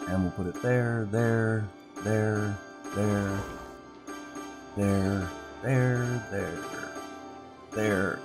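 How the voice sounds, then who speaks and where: Clear background music runs the whole time beneath this let's play host, whose voice is very deep and sounds congested. He narrates his gameplay casually and thinks out loud, echoing single words as he clicks.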